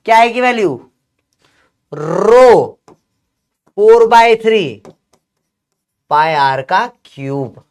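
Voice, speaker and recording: Male coaching teacher, high pitched, teasing and scolding, lecture style. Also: expressive, slow, pauses often, smooth. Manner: scolding, joking, calls students beta. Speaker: physics teacher.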